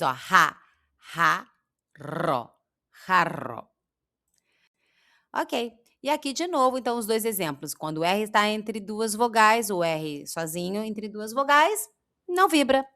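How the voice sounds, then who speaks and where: A woman with a Brazilian accent teaching pronunciation, drawing out and repeating example words slowly. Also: mid-range voice, a bit bright. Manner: slow, drawn-out demonstrations of sounds. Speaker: Spanish teacher. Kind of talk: pronunciation lesson.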